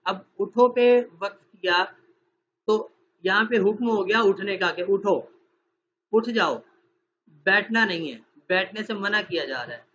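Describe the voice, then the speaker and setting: A man teaching an online Quran recitation class with a dry throat from fasting. He explains through examples and asks his students questions. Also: sits high, fairly bright tone. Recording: dull, slightly noisy online call audio.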